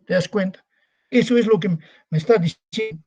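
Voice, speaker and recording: A husky, darkish male voice that sits high is heard over a rough recording, moving at a moderate pace. He's a secondary school teacher in a recorded online lecture who repeats points and answers his own rhetorical questions.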